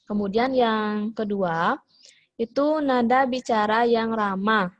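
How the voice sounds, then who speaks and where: A vocational school English teacher with an Indonesian accent explains a hospitality English lesson in an online class, using many fillers and mixing in English phrases. Her voice is on the high side and slow, in a dry recording with the highs cut off.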